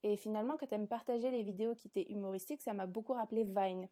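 A woman's voice: mid-range voice, steady tone, very fast, dark tone. A woman in her twenties from southern France, answering interview questions in a chatty way with frequent hesitations. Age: 20s. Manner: chatty, many filler hesitations. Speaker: guest, content creator.

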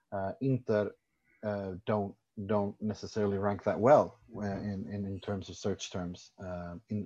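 On a casual podcast, a Swedish man who writes about football confidently explains his views in long stretches. The sound is lo-fi, and his voice is mellow and on the low side.

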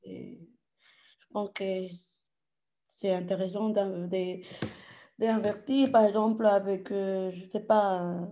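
A woman in her thirties from Ecuador, speaking French with a Spanish accent, who joins an online session as a caller and talks haltingly. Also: medium pitch, steady tone, dark tone, slight background noise. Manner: hesitant, halting, with many fillers.

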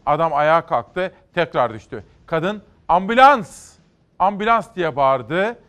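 A man's voice: fairly high pitch, expressive, unhurried, fairly bright tone, clear, resonant tone. A man hosting a morning show, reading newspaper stories aloud and commenting in a conversational, emphatic way.

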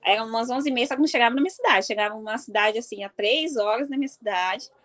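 A woman from do Sul, casually telling a personal story in an animated way and laughing often. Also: fairly high pitch, quick pace. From Mato Grosso do Sul, Brazil. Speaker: football fan.

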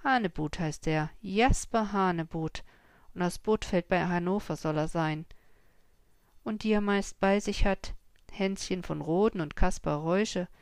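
A woman's voice: lowish voice, a little slow, smooth, dry recording. A woman voicing a chatty, confiding innkeeper in a storybook reading. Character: gossipy innkeeper, middle-aged man.

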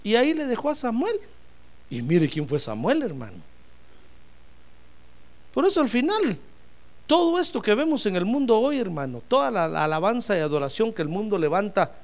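A man preaching a sermon with fervor, calling his listeners brother and acting out the voices he quotes. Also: high-pitched.

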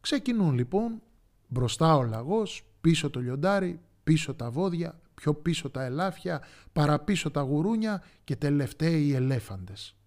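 A man narrating a children's folk tale in an expressive, sing-song way. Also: fairly high pitch. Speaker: storyteller.

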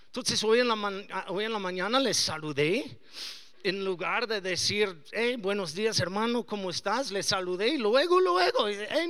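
High, bright-voiced preaching man. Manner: animated preaching, often rising to shouts. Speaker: pastor. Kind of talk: sermon. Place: church service.

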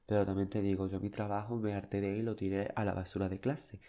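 A man's voice: lowish voice, level tone, fast, warm tone. A young man, telling childhood anecdotes in a chatty, flamboyant, dramatic way. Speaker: podcast host. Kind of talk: casual storytelling monologue.

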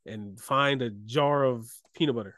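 A man's voice: medium pitch, a little slow, a bit bright, dry recording, studio quality. A man co-hosting a casual chat, a laid-back storyteller who laughs often. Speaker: podcast co-host.

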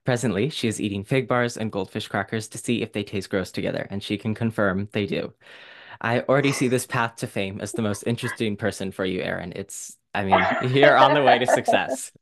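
A man's voice: fairly low pitch, a little fast, fairly bright tone. A man hosting a book podcast in an enthusiastic, joking, hype-filled way. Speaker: podcast host. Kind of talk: upbeat podcast interview.

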